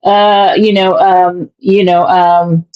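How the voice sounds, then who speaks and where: A woman hosting a podcast in a casual, halting way with many fillers. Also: on the low side, level tone, clean tone, muffled recording. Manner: halting, full of fillers, laughs easily. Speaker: podcast host.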